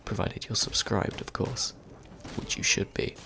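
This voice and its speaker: A British man giving a hushed, close-up commentary right in the listener's ear, with dry, self-deprecating humour, like a video game YouTuber. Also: unhurried, background noise. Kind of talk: hushed close-up commentary over gameplay, ASMR-like.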